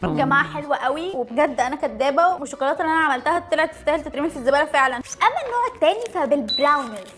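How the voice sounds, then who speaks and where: Bubbly high-voiced Egyptian woman vlogger. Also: lively intonation, rapid-fire, fairly bright tone. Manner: bubbly, playful, chatty. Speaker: cooking vlogger. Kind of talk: casual cooking vlog, switching dialects. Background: faint background music.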